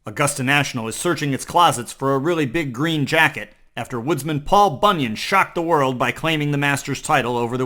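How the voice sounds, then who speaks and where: A man with a medium-pitched, fairly bright voice narrates scripted parody news. As host of a comedy newscast, he reads the headlines in a mock-serious anchor style.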